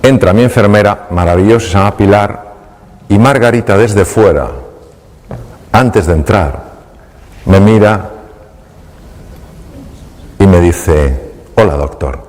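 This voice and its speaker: Lively man from Spain telling a story. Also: fairly low pitch, slow pace, long pauses, in a large hall. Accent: Spain Spanish. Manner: animated, laughing storyteller who acts out dialogue. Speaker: doctor giving a talk. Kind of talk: storytelling talk.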